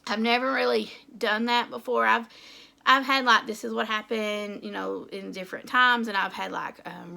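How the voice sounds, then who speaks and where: This Tennessee vlogger, who writes and makes book videos, talks about her goals to camera in an Appalachian accent, chatty and quick to laugh at herself. She speaks a little high with vocal fry, her voice pushed and bright.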